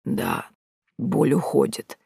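A woman reader voicing a frail, bedridden old woman who speaks weakly, slowly and half in a whisper. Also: low voice, very animated, creaky, husky, dry recording, clean studio sound, exaggerated voice. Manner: weak, slow, half-whispered. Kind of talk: audiobook character voice.

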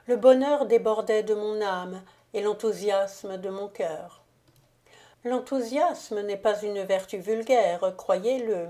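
Dignified wronged countess, firm assured voice, slow, warm, read by a woman. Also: medium pitch, close to an everyday voice. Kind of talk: audiobook character reading.

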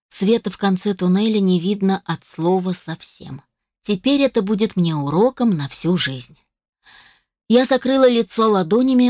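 A woman's voice: on the low side, a little mellow, no room sound. A woman reading a dramatic first-person story aloud, emotional and distressed, on a close microphone. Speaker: audiobook narrator.

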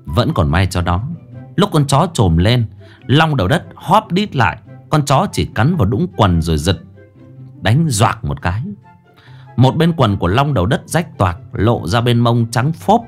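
Animated male narrator for a comic tale, faint music. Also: medium pitch, a little slow, breathy edge. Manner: lively, comic storytelling. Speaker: storyteller. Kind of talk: audio story narration.

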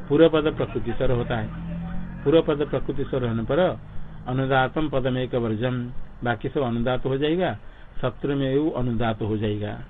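A man lecturing at an ashram on Sanskrit accents and pronunciation, his voice at an ordinary middle pitch. He goes slowly and patiently, repeats words aloud again and again, and puts questions to the class. The recording sounds thin and phone-like. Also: a little hiss or hum. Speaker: swami teaching Sanskrit scripture.

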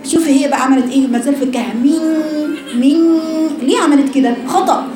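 A woman with an Egyptian accent who teaches Quran recitation. She corrects her students and shows each sound by repeating it slowly. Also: sits high, over music. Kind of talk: tajweed lesson correcting students. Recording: echoey room with noise.

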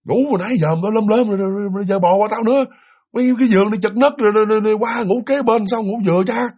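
A man's voice: high voice, rapid-fire, darkish tone, highs cut off, pitched above the performer's own voice. A man voicing a blunt young woman roommate who mocks and rattles off repeated words. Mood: mocking.

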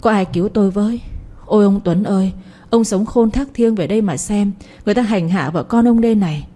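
A woman voicing a sharp-tongued older village mother who curses and wails in an audiobook story. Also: medium pitch, animated, brisk, breathy edge. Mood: wailing. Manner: wailing, cursing, screeching abuse.

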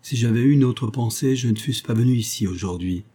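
A man's voice: mid-range voice, a little fast, dark tone, slightly rough, lightly acted. A man reading a grave, devoted father. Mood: earnest. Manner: grave, earnest. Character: simple, earnest, devoted widowed father. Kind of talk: audiobook reading.

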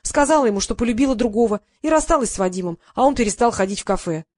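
A woman reading the lines of a calm, stubborn teenage girl in an audiobook. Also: on the high side, very fast, no echo, studio quality, natural voice. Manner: calm and matter-of-fact.

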